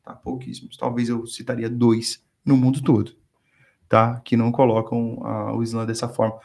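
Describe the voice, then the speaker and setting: A man's voice: medium pitch, completely flat delivery, moderate pace, vocal fry, a little mellow. A man from Brazil, a guest explaining religion in a casual, teaching way, who acts out the dialogue he quotes. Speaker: guest speaker on theology. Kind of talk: conversational teaching.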